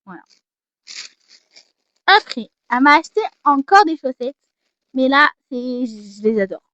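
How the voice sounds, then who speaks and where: A woman's voice: high-pitched, animated, a little slow, fairly bright tone, rough recording. A teenage girl chatting casually as she shows off her gifts, self-mocking and easily distracted. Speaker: vlogger. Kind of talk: casual haul vlog.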